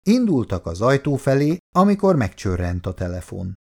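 A man narrating a story aloud, his pitch moving expressively across a wide range. His delivery is measured and steady. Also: gravelly.

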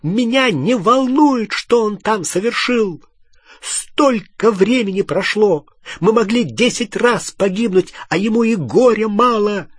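A shrill, furious teenage girl screeches and scolds in a raised, high voice, as a male audiobook reader puts her on. Her lines come slowly and heavily stressed, with a husky edge and a dry, close sound. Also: wildly swooping pitch, a bit bright, no room sound, exaggerated voice. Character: furious shrieking teenage girl, bossy and sharp-tongued. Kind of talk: audiobook character voice.

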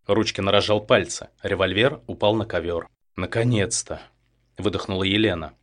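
Low-voiced male thriller narrator. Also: fairly even intonation, fairly quick, a bit bright. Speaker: audiobook narrator.

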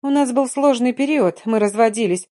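A woman's voice: on the high side, dark tone, lightly acted. A woman voicing a chatty, pushy young wife who rattles on in an audiobook. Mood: gushing. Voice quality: rapid chatter.

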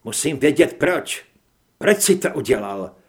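A man voicing a gaunt, unhinged male shapeshifter who shouts and snarls threats. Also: a little high, sing-song. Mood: raging.

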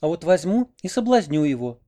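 A man doing a high, plaintive young woman. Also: sing-song, a little fast, dark tone. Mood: dreamy. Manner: plaintive, complaining. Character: fretful young village woman.

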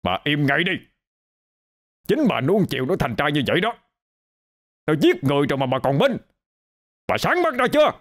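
A man's voice: on the high side, big pitch swings, voice pushed up. A man voicing an angry older husband who scolds his wife sharply in a told ghost story. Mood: furious scolding. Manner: rapid scolding shouts.

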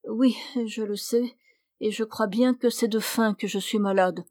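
A woman's voice: mid-range voice, steady tone, measured pace, darkish tone, no echo, close to an everyday voice. A woman voicing a scheming young maidservant who feigns a plaintive sickness and keeps insisting. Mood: feigned sickly.

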